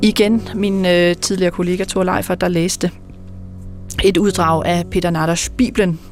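A woman's voice: fairly low pitch, little pitch movement, faint music behind. A woman hosting a radio book program, speaking hesitantly with many fillers. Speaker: radio host.

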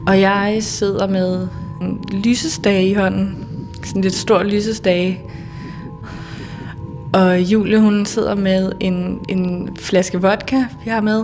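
Brief: woman, middle pitch, measured radio storyteller, faint music bed. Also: little pitch movement. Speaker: storyteller recounting a hitchhiking trip. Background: faint music under the voice.

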